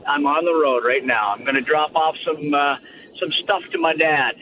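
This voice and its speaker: A middle-aged man phones in from the road, his fairly high voice boxed in and tinny as if he were inside a metal tank. The line is dull and narrow, with a steady hum of road noise behind him. He talks in a chatty, teasing way, full of mock complaints. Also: normal speed. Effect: tinny, muffled sound as if inside a metal tank, over a phone line. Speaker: radio co-host calling in. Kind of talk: casual radio banter. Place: car on the road.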